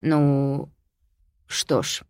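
A woman reading an audiobook, voicing a serious father who speaks gravely and with doubt. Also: low voice, steady tone, unhurried, a little mellow, dry recording, studio quality.

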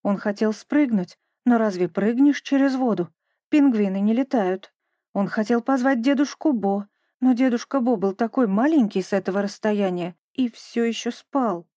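A woman narrating a children's story in a gentle, even storytelling manner. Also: fairly high pitch, normal speed, no echo, clean studio sound.

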